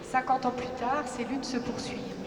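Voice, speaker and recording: A woman's voice: fairly high pitch, fairly quick. A woman giving an earnest statement, with hesitations. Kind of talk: spoken statement. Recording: echoey hall from far off, noise.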